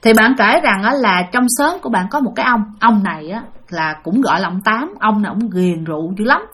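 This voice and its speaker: A woman's voice: medium pitch, expressive, fairly quick, fairly bright tone, breathy edge. A woman telling spirit stories in a chatty, casual way, often addressing her listeners directly. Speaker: storyteller of spirit tales. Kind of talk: casual spoken storytelling to listeners.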